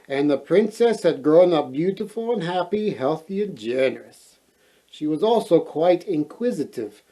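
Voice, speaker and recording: A man hosts a storybook reading, performing it expressively and playfully while often drifting into casual, chatty asides. His voice is a little high, and the audio is poor.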